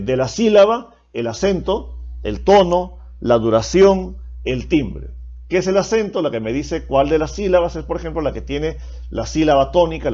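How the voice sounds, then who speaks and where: In a dull, lo-fi recording, a man with a fairly high, slightly mellow voice teaches a class. He explains patiently, poses rhetorical questions, and often tags his points with a checking "¿no?".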